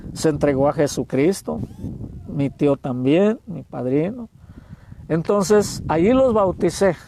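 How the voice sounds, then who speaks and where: A man in his sixties with a Mexican accent, preaching a sermon as an evangelist and telling a story with feeling, booming at some moments and going hushed at others. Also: noisy background. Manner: emotional storytelling, swings between loud exclamations and hushed words.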